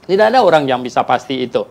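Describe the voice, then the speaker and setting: A pastor appearing as a guest on a church talk show speaks in a mid-range voice with vocal fry, animatedly acting out quoted dialogue and using frequent tag words. Background noise can be heard.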